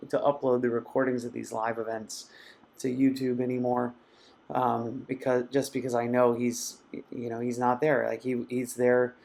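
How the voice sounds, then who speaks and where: Gravelly-voiced man, reflective live-stream host. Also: medium pitch. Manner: reflective, soft-spoken and halting. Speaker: mindfulness teacher hosting a live session. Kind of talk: casual live-stream talk reading viewer comments.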